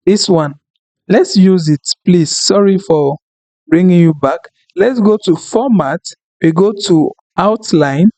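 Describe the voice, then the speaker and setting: A tutorial instructor whose mother tongue is French talks through a screen recording of some software, his voice sitting high. He's slow-paced and sorry-sounding, musing aloud with fillers. No room sound is audible.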